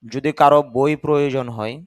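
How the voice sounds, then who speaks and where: A man teaching English grammar, reading example sentences slowly, translating them and correcting the pronunciation of words. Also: mid-range voice, steady tone, clean tone, no room sound. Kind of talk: slow grammar lesson.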